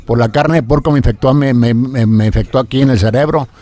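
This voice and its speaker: A man's voice: mid-range voice, mellow. An older man, a radio announcer, talking in a casual interview and often stumbling and repeating words. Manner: halting, repeats words after a stroke.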